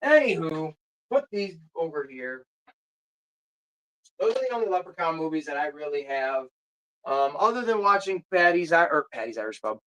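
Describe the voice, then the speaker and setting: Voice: mid-range voice, sing-song, moderate pace, fairly bright tone. A livestream host in casual chat, rambling, searching aloud for titles and answering viewer comments. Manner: chatty, drifts off topic.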